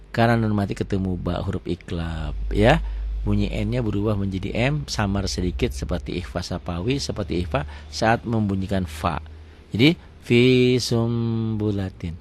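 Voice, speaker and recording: A man teaching tajwid rules, patiently repeating words slowly and asking and answering his own questions. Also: lowish voice. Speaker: Quran recitation teacher. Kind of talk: explaining tajwid rules to students.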